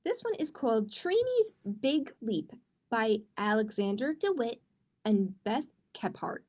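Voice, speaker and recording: Pitched on the high side with a darkish tone, a woman speaks in a very animated but unhurried way. She's a librarian hosting a livestreamed storytime for kids, reading expressively and asking her young viewers questions.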